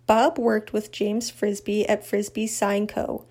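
A woman narrating a true crime update in an even, matter-of-fact scripted read. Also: mid-range voice, slow.

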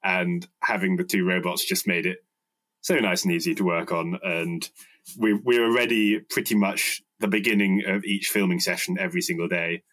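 A man's voice: deep voice, fairly even intonation, moderate pace, fairly bright tone. A man on a robot-fighting team, explaining technical points matter-of-factly in casual podcast chat. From United Kingdom.

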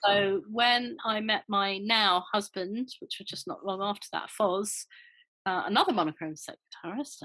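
A woman's voice: mid-range voice, pushed and bright, no echo, poor audio. An older woman, a former band member, talking casually in an interview, rambling with many fillers and restarts.

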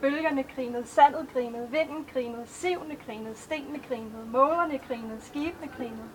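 High-voiced woman reading her poems aloud. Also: noisy background. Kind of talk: poetry reading at a live event. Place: outdoor festival stage.

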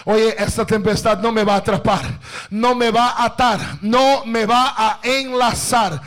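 A male preacher with a very high-pitched voice delivers a fervent sermon. He speaks slowly and deliberately, building to shouted declarations and calls for the congregation to respond. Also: fairly even intonation.

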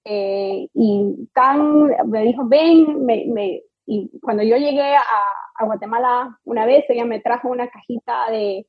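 Husky, higher-voiced woman interview guest. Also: unhurried, dry recording, dull audio. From United States. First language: English. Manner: chatty and warm, with many fillers and restarts. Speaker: guest, immigration lawyer. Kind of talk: conversational interview.

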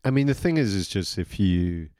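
Man co-hosting a podcast, very deep voice, hesitant, restarts a lot, dry close sound. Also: sing-song, moderate pace, darkish tone, no echo. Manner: hesitant, restarts while reasoning. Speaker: podcast co-host. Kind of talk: casual chat.

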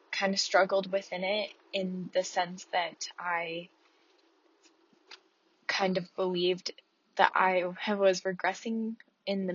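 A woman hosting a casual, reflective podcast while driving, talking in a hesitant, rambling way with many fillers. Her voice comes through a low-quality earbud mic in a car. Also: breathy edge, no room sound, muffled recording. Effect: low-quality earbud-mic sound. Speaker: podcast host. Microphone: wireless earbuds.

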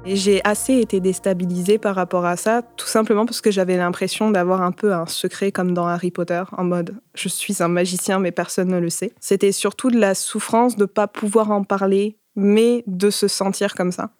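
A woman recounts her experiences in a loose, conversational way, full of fillers and slangy asides. Her voice sits at a middle pitch. The recording is dry and close. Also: fairly even intonation, normal speed, few pauses, darkish tone, dry recording. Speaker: interviewee. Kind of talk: casual personal testimony.

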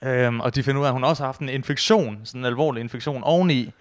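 A young man and new father, co-hosting a podcast in loose, joking banter with casual swearing. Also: medium pitch.

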